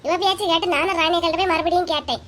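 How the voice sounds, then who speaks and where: A woman's voice: very high-pitched, fairly even intonation, a bit bright. A woman voicing a fretful, touchy village housewife in a cartoon comedy, grumbling and snapping back in a Kanyakumari Tamil accent. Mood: irritated. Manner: grumbling, quick to snap back. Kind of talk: comic cartoon dialogue.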